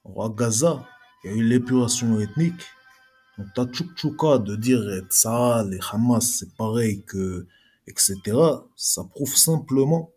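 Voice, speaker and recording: A man's voice: fairly low pitch, warm tone, slightly rough. A man giving an argumentative reply monologue to a video blogger, speaking combatively and straight at his critic. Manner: combative, addresses critic directly.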